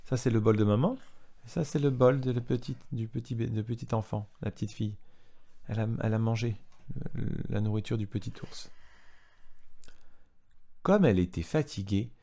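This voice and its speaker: A man's voice: on the low side, moderate pace, vocal fry, long pauses, mellow. A man reading a storybook aloud to a child, stopping to retell parts in plain words and ask the child questions.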